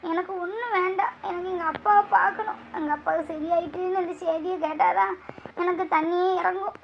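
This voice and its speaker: A woman's voice: extremely high pitch, fairly even intonation, moderate pace, vocal fry, slight background noise, exaggerated voice. A woman voicing a tearful young daughter who pleads anxiously for her sick father. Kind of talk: amateur family skit. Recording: dull lo-fi recording.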